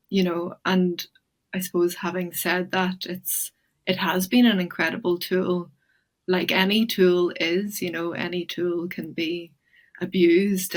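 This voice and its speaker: A woman with a lowish voice appears as an interview guest, sounding reflective and thoughtful. She pauses often, using fillers and restarting her sentences.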